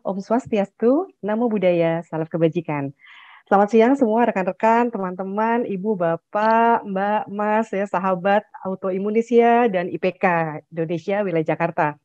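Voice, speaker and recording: A woman's voice: mid-range voice, normal speed, no room sound. Chatty woman giving a webinar opening. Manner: warm, chatty, with tag "ya" and "nih". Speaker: head of a clinical psychologists' association. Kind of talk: formal webinar opening speech. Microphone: video call. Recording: muffled dry video-call audio.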